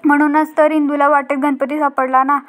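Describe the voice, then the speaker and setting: A woman voicing a cheeky young daughter who coaxes her mother in a high, level voice. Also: little pitch movement, moderate pace, natural voice. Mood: coaxing. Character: cheeky young daughter, playing along sweetly.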